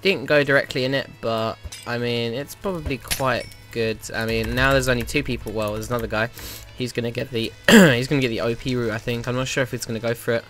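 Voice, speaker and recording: A man's voice: mid-range voice, fairly even intonation, brisk, hardly any pauses, fairly bright tone, soft background music. A man giving casual, rambling commentary over a video game, with a slight cold and a sniffly morning voice. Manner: rambling, chatty, self-correcting. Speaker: gaming YouTuber.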